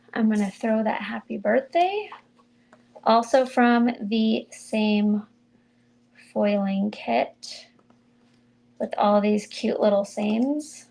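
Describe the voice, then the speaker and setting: Chatting casually on a stream as she makes cards, a soft-spoken woman talks slowly and mildly in a slightly high, gravelly voice, thinking aloud while she works. The audio is poor, and faint clicks from her tools sound behind her.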